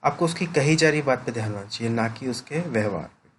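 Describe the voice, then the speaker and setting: A man's voice: mid-range voice, expressive, brisk, a little hiss or hum. A male teacher explaining a lesson to his students, often checking in with short "right?" tag questions. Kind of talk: classroom lecture.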